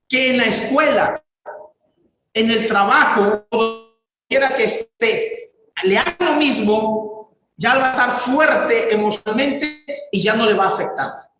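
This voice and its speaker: A man preaching a sermon as pastor, fervent, building to raised, drawn-out exclamations. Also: very high-pitched, bright, forceful tone. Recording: very echoey church hall.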